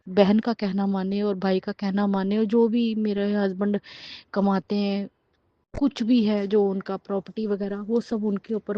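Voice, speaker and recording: A woman's voice: medium pitch, no room sound, muffled recording. A middle-aged woman giving an emotional personal testimony as a devotee, pleading and aggrieved, often breaking off and restarting her words.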